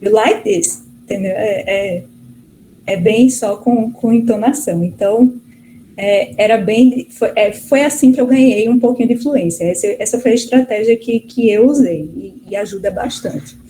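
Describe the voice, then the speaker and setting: A woman's voice: medium pitch, normal speed, mellow, low-quality recording. A middle-aged woman from Brazil, a guest professor answering interview questions in a chatty way, full of fillers and restarts. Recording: faint background noise.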